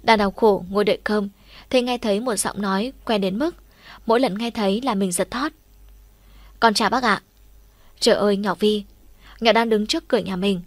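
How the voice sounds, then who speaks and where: A woman reading a first-person audiobook story in a lively, chatty storytelling manner. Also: medium pitch, fairly quick, no room sound. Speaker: audiobook reader.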